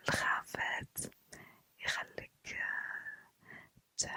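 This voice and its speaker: A woman chatting in a quiet, hushed late-night ASMR whisper, halting pauses. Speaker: ASMR video creator. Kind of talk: ASMR casual chat, whispered.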